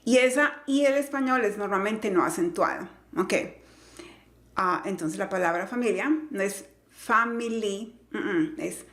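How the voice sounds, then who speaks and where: A woman who teaches English pronunciation, explaining slowly and carefully and repeating each example word. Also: medium pitch, echoey room. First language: Spanish.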